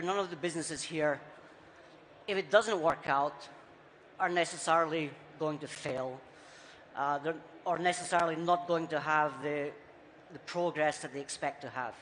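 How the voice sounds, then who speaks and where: A Scottish man, his accent softened by years abroad, delivers a keynote on stage in a large conference hall. His voice is on the high side, and his talk is punchy and rhetorical, built from short, repeated phrases. The recording is reverberant with faint background noise.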